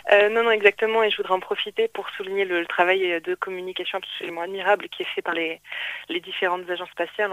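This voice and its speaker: A woman's voice: on the low side, fairly bright tone, dry recording, low-quality recording. A woman science journalist interviewed by telephone on the radio, speaking earnestly and reflectively with some hesitations.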